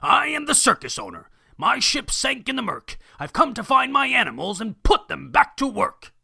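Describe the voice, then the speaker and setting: A man's voice: extremely high pitch, wildly swooping pitch, normal speed, creaky, bright, forceful tone, slightly rough, no echo, clean studio sound, pitched above the performer's own voice, exaggerated voice. A man doing a screaming, bossy circus owner. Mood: blustering. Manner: screaming, barking orders. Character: greedy blustering male circus boss.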